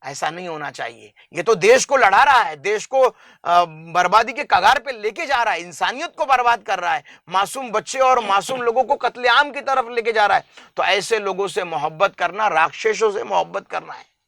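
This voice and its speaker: A man's voice: high voice, bright, forceful tone, no room sound, clean studio sound. A man from India, an interview guest making an impassioned public appeal, earnest and emphatic, stacking up long lists of examples.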